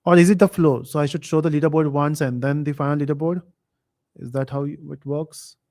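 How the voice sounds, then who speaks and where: A man hosting a live online quiz, reading chat comments aloud and thinking out loud with fillers. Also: fairly high pitch, fairly even intonation, brisk. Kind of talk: casual live stream chat.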